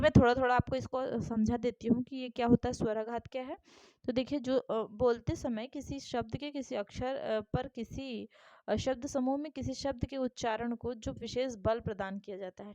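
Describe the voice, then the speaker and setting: A woman's voice: a little high, dark tone, no echo. A woman teacher gives an exam-prep lesson, reading questions aloud and explaining step by step while checking that students follow. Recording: dull, lo-fi dry recording.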